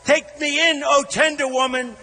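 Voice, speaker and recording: American man playing a sly venomous snake, high forceful voice, theatrical pleading, rally speech fable, long hall echo. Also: fairly even intonation, moderate pace, full character voice. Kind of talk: dramatic rally speech recital of a verse fable. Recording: large echoing hall over PA.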